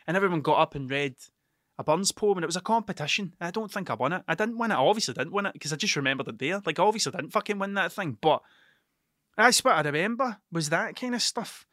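Casual male monologue, broad Scottish accent from Ayrshire, forceful bright tone, dry close sound, sweary and blunt. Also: high-pitched, animated, fast talker, dry recording. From Scotland, Ayrshire. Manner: sweary, blunt, self-questioning.

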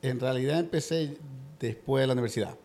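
A man in his thirties from Ecuador, a podcast guest who tells his story in a relaxed way with frequent hesitations. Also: mid-range voice, fairly quick, a crowd in the background. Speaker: guest, construction business owner. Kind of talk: casual podcast interview.

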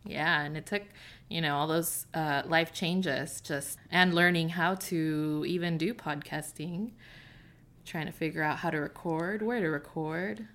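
A woman co-hosting a relaxed podcast, talking slowly in a bright, sharp voice. She chats in a playful, teasing way. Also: fairly low pitch. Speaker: podcast co-host. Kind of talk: casual podcast chat.

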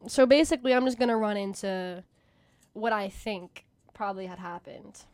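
A young woman co-hosting a podcast, telling a story in casual chat, animated and full of "basically" and "like". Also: mid-range voice, normal speed, no echo. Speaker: podcast co-host.

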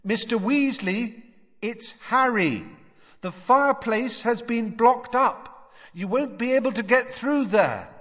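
A man voicing an earnest, quick-thinking teenage boy wizard in an audiobook. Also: high-pitched, sing-song, a bit bright, dry recording, muffled recording, pitched above the performer's own voice, heavily acted. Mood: urgent, calling. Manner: calling out urgently.

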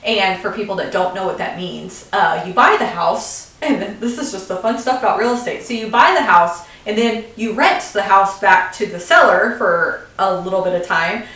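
A chatty woman co-hosting a casual podcast, storytelling and laughing easily. She sits a little back from the mic, so her voice fills a very echoey room. Her pitch sits mid-range for a woman. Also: lively intonation, normal speed, few pauses, a bit bright, far from the mic. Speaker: podcast co-host. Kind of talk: casual chat.

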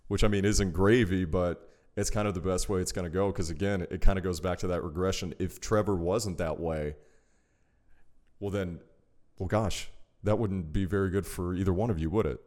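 A man hosting a podcast, chatting casually and getting animated when he stresses a point. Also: low voice. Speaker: podcast host. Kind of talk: casual chat.

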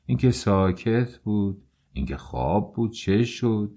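A man reading an audiobook, narrating in a measured way that slows on sad passages. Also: lowish voice, animated, dark tone. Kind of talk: scripted narration.

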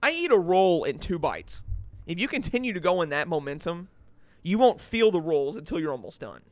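A man's voice: fairly high pitch, big pitch swings, normal speed, no room sound. Male podcast co-host, laid-back, swears casually, bouncy intonation. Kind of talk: casual chat.

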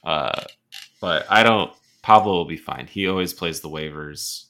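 A man's voice: deep voice, measured pace, sharp tone. A man hosting a casual fantasy football podcast in an informal, chatty style. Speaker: podcast host.

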